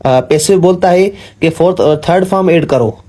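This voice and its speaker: A young man teaching English grammar in a patient classroom style, often pausing with fillers and correcting himself. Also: fairly high pitch, mellow. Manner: patient, repeats "ठीक है", frequent fillers and self-corrections.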